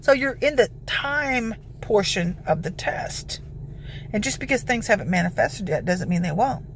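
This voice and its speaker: A woman with a gravelly voice giving informal, emphatic devotional exhortation as a prayer preacher. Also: mid-range voice, expressive, moderate pace, a little hiss or hum, low-quality recording. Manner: emphatic, declarative, peppered with scripture citations.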